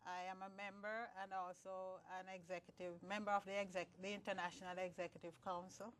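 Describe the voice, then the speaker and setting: A woman's voice: mid-range voice, flat delivery, a little fast, fairly bright tone, a little hiss or hum. Jamaican-born woman explaining at a distance. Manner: earnest, explanatory, with frequent restarts. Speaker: interview guest. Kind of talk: conversational interview. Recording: distant mic, dry sound.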